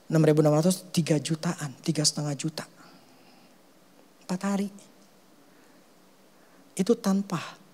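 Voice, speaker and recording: A middle-aged man with an Indonesian accent, a pastor preaching a sermon, telling stories with loud and hushed stretches. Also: fairly high pitch. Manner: animated storytelling, swings from loud to hushed.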